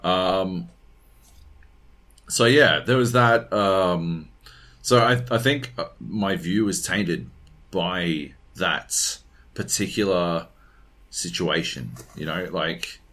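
In this casual unscripted podcast chat, a male co-host with a low-pitched, fairly bright voice talks slowly. He reviews video games bluntly, rambling and swearing as he goes.

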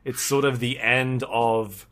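A man's voice: mid-range voice, steady tone, slow, a bit bright. A man co-hosting a podcast in casual chat, rambling along with many ums and restarts. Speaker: podcast co-host.

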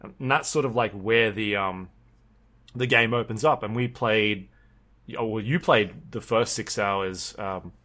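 Rambling man with a low voice. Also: unhurried, sharp tone. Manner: rambling, with many ums and restarts. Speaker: podcast co-host. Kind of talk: casual chat.

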